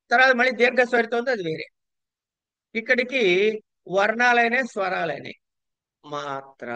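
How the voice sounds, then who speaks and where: Bright, crisp Telugu-accented man lecturing. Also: sits high, no echo. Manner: explanatory, quizzes listeners with rhetorical questions. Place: lecture hall.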